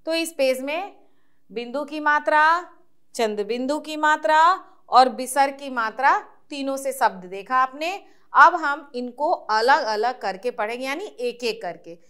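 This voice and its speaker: A woman teaching young children to read, stretching out and repeating each word slowly and then explaining quickly in between. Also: high voice, lively intonation, bright, forceful tone. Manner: drawn-out syllable-by-syllable pronunciation, repeating words. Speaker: primary school teacher. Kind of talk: reading-aloud lesson for young children.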